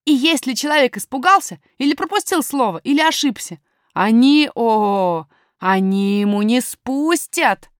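A woman's voice: fairly high pitch, animated, unhurried, smooth, no echo, clean studio sound, voice pushed up. Woman voicing a firm young miner boy. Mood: earnest. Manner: firm, matter-of-fact, lecturing. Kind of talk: audiobook character voice.

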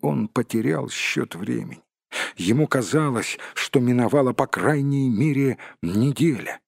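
Male storyteller, husky voice, dry close sound, steady pace, scripted narration. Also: mid-range voice, measured pace, no room sound. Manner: steady storytelling, addresses listener. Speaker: audiobook narrator.

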